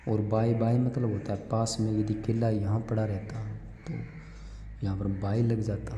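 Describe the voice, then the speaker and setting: A male teacher explaining a school test in a classroom lesson. He asks questions and answers them himself, and reads the English questions out very slowly. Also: lowish voice, flat delivery, warm tone, a little hiss or hum. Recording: roomy with long reverb.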